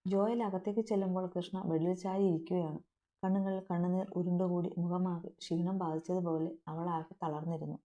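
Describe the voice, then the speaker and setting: A woman narrating a romantic family story in a steady, emotive reading. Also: on the low side, moderate pace, muffled recording. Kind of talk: scripted narration.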